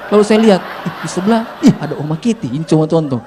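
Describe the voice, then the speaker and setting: A man's voice: a little high, animated, rapid-fire, a crowd in the background, background noise. A male pastor preaching a humorous story-based sermon, speaking animatedly and often addressing the congregation directly.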